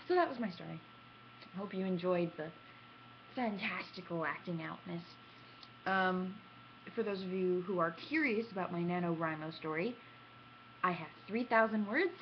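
A young adult woman gaming vlogger with a medium-pitched voice is a casual, theatrical storyteller, animated and self-mocking, acting out quotes to camera. Indoors in a small room at home, she's recorded by a computer webcam at arm's length, producing dull lo-fi sound with clear noise.

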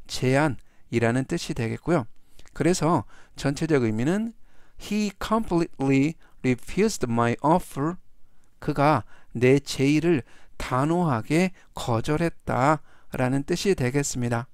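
A man teaching vocabulary at a deliberately slow pace, his voice smooth and resonant. He drills each word patiently three times before explaining it. The sound is dry and close, with no room echo. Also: medium pitch. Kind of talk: slow, methodical vocabulary lesson.

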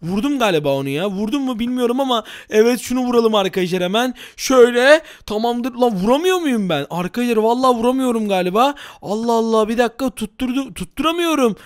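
A young man giving excited, loud gameplay commentary to his viewers, full of exclamations. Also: very high-pitched, fast talker, few pauses. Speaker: gaming YouTuber.

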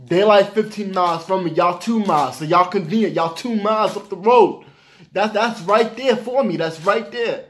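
A man with a high voice rants straight to his viewers in a casual vlog. He talks in loose slang and circles back to the same lines for emphasis, exasperated and animated. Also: moderate pace. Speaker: vlogger.

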